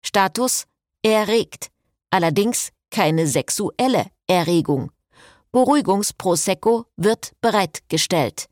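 A woman's voice: medium pitch, lively intonation, slow pace, dry recording. Woman voicing a car computer, polite, formal, announcing, dry sound.

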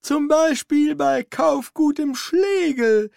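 A narrator putting on the voice of a fussy, servile old manservant in a radio play, talking high and quick. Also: male voice, gravelly, darkish tone, no room sound, exaggerated voice. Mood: flustered. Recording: dry studio recording.

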